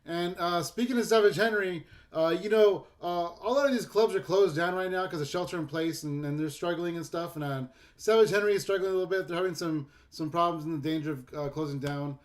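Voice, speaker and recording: A man's voice: high voice, a little fast, hardly any pauses. A man hosting an online comedy show, talking casually with many fillers as he introduces the next act. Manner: casual, filler-heavy, upbeat. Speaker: show host.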